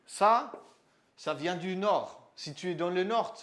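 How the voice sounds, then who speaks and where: A young man from northern Germany teaching German in a casual lesson, slowly repeating words so they stick. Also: sits high, a bit bright. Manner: slow and patient, repeats words to drill them.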